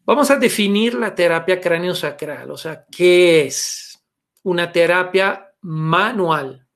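A middle-aged man with a notably high voice leads an online lesson over a webcam, speaking Spanish. He explains patiently and steadily, filling his pauses with little "eh"s and checking in with "okay?". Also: fairly bright tone. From Italy. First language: Italian. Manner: patient explanatory, fond of "eh" and "¿ok?" tags. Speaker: therapy instructor. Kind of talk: webinar lecture. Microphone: webcam video call.

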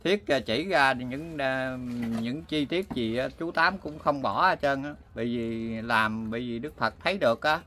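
An older man, talking earnestly in a halting way with many fillers. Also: mid-range voice, sharp tone, a little hiss or hum. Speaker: interviewee. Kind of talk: casual conversation.

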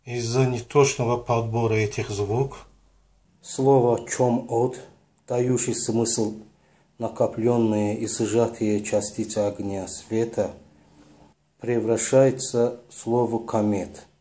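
A man slowly narrating a lesson on word sounds, spelling out each sound one by one in a measured, deliberate way. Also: mid-range voice, flat delivery, mellow. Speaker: lecturer on word origins. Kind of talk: slow explanatory narration.

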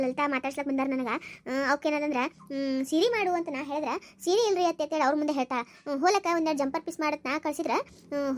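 A woman's voice: sits high, close to an everyday voice. A woman voicing a fussy, bossy old grandmother with a North Karnataka Kannada accent, scolding and grumbling.

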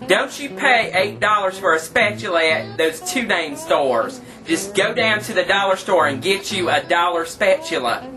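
A man speaks at normal speed in a high, expressive voice, hamming it up as a campy, thrifty trailer park queen. His folksy, tongue-in-cheek home cooking lesson is cheerful and instructive, delivered as a cooking show host in a small home kitchen. The sound is from a far-off camera microphone, with music in the background.

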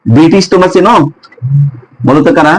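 A man's voice: on the high side, lively intonation, rough recording. Man teaching English month names to students. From Bangladesh. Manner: asks students questions and repeats each word slowly. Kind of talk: spoken English pronunciation lesson to students.

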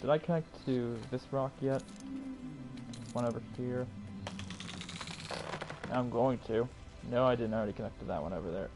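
A man hosting his own gaming channel, talking through a playthrough in casual commentary, muttering to himself and then yelling and cursing in frustration. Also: medium pitch, moderate pace, pauses often, over music. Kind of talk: casual let's play commentary.

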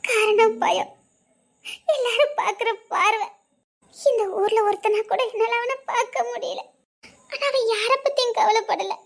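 A woman's voice: extremely high pitch, steady tone, measured pace, gravelly, exaggerated voice. A woman voicing a wounded young wife who speaks in a tearful, bitter, accusing way in a spoken drama. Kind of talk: Tamil audio drama acting.

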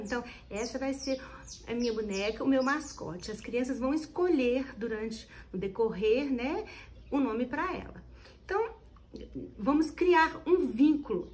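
High-voiced, animated woman teacher. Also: a little hiss or hum. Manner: animated, explanatory, often restarting phrases. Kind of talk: giving teaching tips on video.

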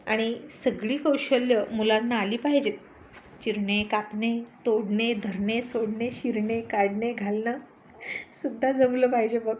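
A woman narrator lends her own mellow, slightly high voice to a mischievous husband in his forties. He jokes and teases his wife in a playful storybook scene. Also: a little hiss or hum, natural voice. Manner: joking, teasing.

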